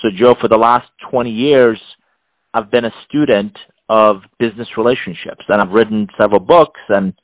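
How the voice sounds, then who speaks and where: A middle-aged Iranian man, an executive advisor and author, answers interview questions in a voice on the low side. He's animated and emphatic, with frequent restarts and repeated words. The low-quality recording is dry, with no echo.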